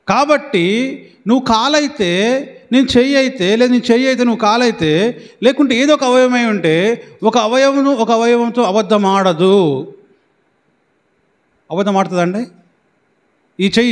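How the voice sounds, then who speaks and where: A man preaching as a pastor in a church hall, quizzing the congregation with questions and repeating his points for emphasis. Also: very high voice. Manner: repetitive, emphatic delivery. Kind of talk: sermon. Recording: long hall reverb.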